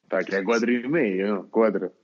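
A man's voice: on the low side, brisk, a little mellow. A young man with a Chilean accent, chatting casually and telling stories in slangy, talkative speech. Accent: Chilean Spanish. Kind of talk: casual chat. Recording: tinny phone-like line.

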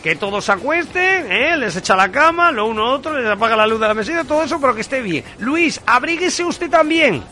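A radio host making a live prank call, posing as an official and insistently repeating himself. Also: male voice, very high voice, expressive, quick pace, few pauses, sharp tone, faint music behind.

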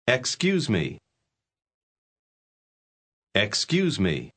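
Brief: American male drill speaker, deliberate and over-articulated, very lively intonation. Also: on the low side. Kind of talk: slow syllable-by-syllable pronunciation drill.

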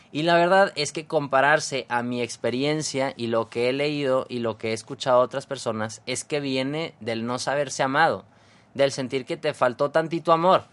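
A man's voice: mid-range voice, a bit bright. A man with a Mexican accent hosting a podcast, talking casually and animatedly in a motivational monologue, mocking himself and acting out his own inner voice. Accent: Mexican Spanish. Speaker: podcast host.

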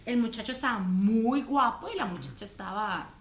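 A woman from Costa Rica with a Costa Rican accent, telling a story in animated, slangy casual chat. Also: fairly high pitch, moderate pace. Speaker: podcast co-host. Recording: echoey room.

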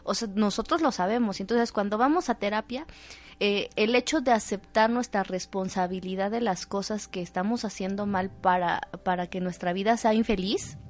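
A woman co-hosting a psychology talk show, explaining in an animated way and acting out short exchanges. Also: medium pitch, normal speed. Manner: animated, acts out little dialogues while explaining. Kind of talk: conversational talk-show discussion.

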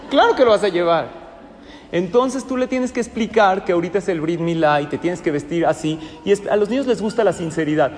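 High-voiced man teaching in a hall. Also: brisk, hardly any pauses. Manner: lively, acts out parents and children. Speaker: parenting class teacher. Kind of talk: lecture to a live class. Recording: echoey hall with faint noise.

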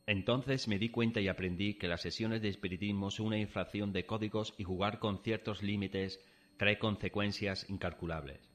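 A man from Spain narrating a first-person horror story in a measured, solemn way. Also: fairly low pitch, fairly even intonation. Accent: Spanish from Spain. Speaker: narrator and protagonist. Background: faint background music.

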